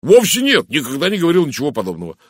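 A man reading an audiobook, voicing a loud, brash, vulgar middle-aged businessman who blusters and gossips. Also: medium pitch, very animated, moderate pace, dry recording, clean studio sound, voice pushed up. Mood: blustering.

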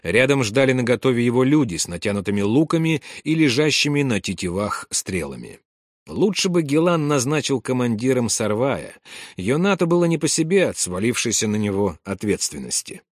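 A man reading a war story aloud in measured scripted narration, dropping to a hush for whispered lines. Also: mid-range voice, very animated, dry recording, studio quality. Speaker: audiobook narrator.

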